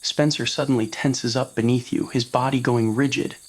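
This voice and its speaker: Speaking at a normal speed with a medium pitch and steady tone, this narrator of fan roleplay audio performs a scripted second-person romance, handling the scene description along with the dialogue.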